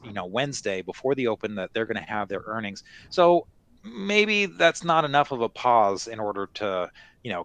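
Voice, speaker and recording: A male market analyst talks through his reasoning off the cuff in a mid-pitched voice. He explains in a conversational way, often dropping in small check-in phrases. The sound is close and dry, with very little room in it. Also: fairly bright tone, no room sound. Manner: conversational, explanatory, peppered with "you know" and "right?". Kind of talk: unscripted market commentary.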